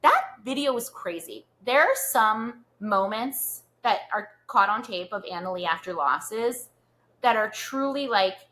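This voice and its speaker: A woman's voice: medium pitch, expressive, unhurried, fairly bright tone. A woman hosting a podcast, telling stories in a chatty, gossipy way full of "like" fillers. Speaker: podcast host. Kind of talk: casual gossip chat.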